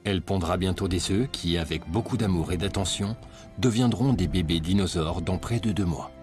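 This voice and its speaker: A man delivering scripted nature documentary narration in a measured, dramatic storytelling manner. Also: low voice. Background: prominent music.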